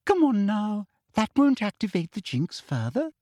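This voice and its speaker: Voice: medium pitch, big pitch swings, moderate pace, darkish tone, husky, dry recording, clean studio sound, voice pushed up. A reader voicing a sugary, menacing middle-aged female official who coaxes with a falsely sweet tone. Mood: coaxing. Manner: coaxing with falsely sweet "dear". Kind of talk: audiobook character reading.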